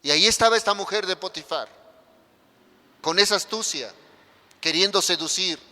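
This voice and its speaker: A Mexican pastor preaches with emphatic rises and sudden drops in his voice. His tone sits high and cuts through very brightly. The long reverb of a church hall trails after each phrase. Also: normal speed. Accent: Mexican Spanish. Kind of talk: sermon.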